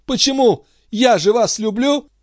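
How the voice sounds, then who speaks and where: Imperious, tormented queen in high shrill falsetto, a male reader putting her on. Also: unhurried, a little mellow, no echo, clean studio sound. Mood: anguished. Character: anguished jealous queen, woman, imperious.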